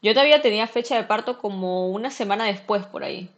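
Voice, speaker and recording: A young woman, a podcast guest and first-time mother, telling a story in a casual, lively way and acting out what other people said. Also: medium pitch, quick pace, dull audio. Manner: lively, acts out the dialogue of others.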